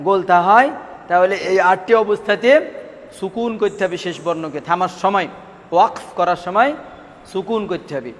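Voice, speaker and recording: In a classroom lesson, a man with a high voice teaches the rules of Quran recitation at a moderate pace, his voice filling a large hall. He quizzes his students, repeats their answers, and stretches out syllables as a drill.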